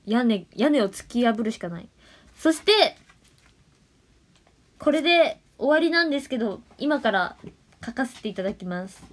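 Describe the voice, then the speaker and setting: A young woman chats alone on a livestream from home. Her voice sits a touch high, and she moves between playful talk and hushed, murmured asides. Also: animated, moderate pace, long pauses. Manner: chatty, playful, drops into soft murmurs and whispered thanks. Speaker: idol livestreamer. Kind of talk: casual solo livestream chat.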